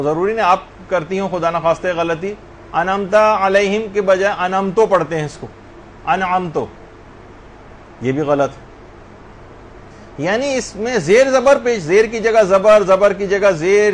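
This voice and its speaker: A man's voice: high voice, a little hiss or hum. A man giving a religious lecture, explaining recitation mistakes step by step and reciting short Arabic words as examples. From Pakistan. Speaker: religious teacher. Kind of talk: classroom lecture on prayer recitation.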